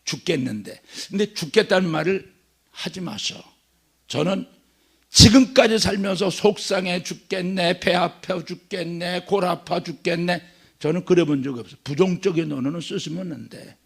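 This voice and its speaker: A man's voice: high-pitched, normal speed, creaky, husky. A man preaching a sermon at a church revival meeting, telling stories with jokes. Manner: joking, animated storytelling.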